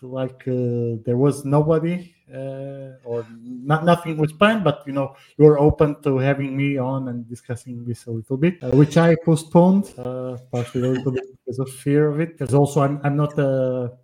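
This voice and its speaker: A man from Portugal, a podcast guest, talking casually and hesitantly with many pauses and fillers. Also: medium pitch, fairly even intonation, darkish tone. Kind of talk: casual conversational explanation. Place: home setup on a call, northern Poland.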